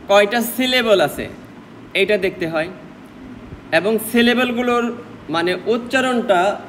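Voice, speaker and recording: A man with a Bangladeshi Bengali accent teaches a poetry class in a fairly high voice. He explains each point patiently and keeps throwing questions back at his listeners. A faint air-conditioner hum sits behind him. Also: low-quality recording. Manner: explains step by step, asks rhetorical questions. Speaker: English literature lecturer. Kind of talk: classroom lecture mixing English terms.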